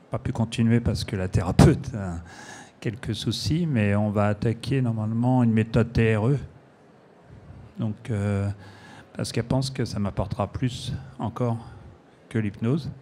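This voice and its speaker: Hesitant man with a low, warm voice. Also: measured pace, long pauses, a little hiss or hum. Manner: hesitant, many fillers. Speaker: audience member asking a question.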